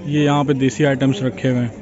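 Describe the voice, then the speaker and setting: Strolling through a waterfront restaurant's outdoor buffet, a young man vlogs casually with his phone camera at arm's length, chatting easily and calling out what he passes. He talks quickly in a mid-range voice. Crowd chatter fills the dull, lo-fi recording.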